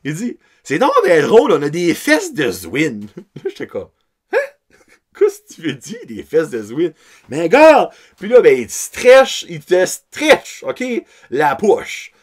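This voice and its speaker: A man's voice: a little high, huge pitch swings, measured pace, breathy edge. A man in his thirties with an Acadian French accent, hosting a podcast and telling a story in a casual, laughing way, dropping English words into his French. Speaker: podcast host.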